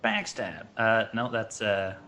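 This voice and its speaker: A man's voice: lowish voice, normal speed, pushed and bright. A man playing a tabletop game, stammering through his turn and cracking jokes. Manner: stammering, joking. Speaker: player. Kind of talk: casual tabletop game play.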